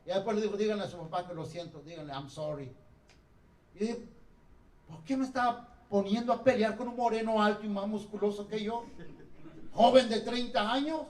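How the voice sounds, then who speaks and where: A man preaching a sermon, lively and acting out quotes and jokes. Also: sits high, brisk, long pauses. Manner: animated, acts out quotes and jokes. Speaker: pastor. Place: church hall. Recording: echoey hall from far off.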